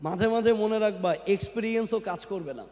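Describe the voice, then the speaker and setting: Male motivational speaker, high voice, crowd-quizzing, cathedral-like echo on a hall PA. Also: brisk, darkish tone. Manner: quizzes the crowd, mixes English into his talk. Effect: cathedral-like echo from a large hall. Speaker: guest speaker at a company event. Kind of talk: motivational speech to an audience. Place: large indoor event hall. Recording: long hall reverb on a PA microphone.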